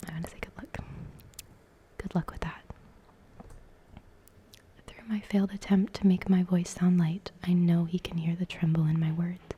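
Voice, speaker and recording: A woman in a whispered role-play, playing and reading a game aloud in a soft, chatty whisper and reacting as she goes. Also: lowish voice, a little hiss or hum. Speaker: ASMR creator.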